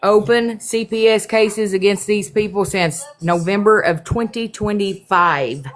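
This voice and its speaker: A woman's voice: medium pitch, a little slow. A blunt woman speaking on a livestream, swearing now and then. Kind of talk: livestream chat.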